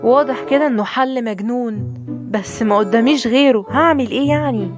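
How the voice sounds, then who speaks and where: A woman with an Egyptian accent voicing a caring, nervous mother in a toy-figure play story for kids, fretting out loud as she goes. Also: a little high, brisk, lightly acted. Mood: worried. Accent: Egyptian Arabic. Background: children's music.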